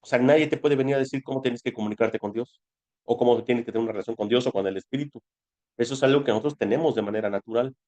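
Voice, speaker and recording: A man with a Mexican Spanish accent gives an informal spiritual lesson, talking conversationally like a teacher. His warm, medium-pitched voice moves at a racing pace, and he poses rhetorical questions and then answers them himself.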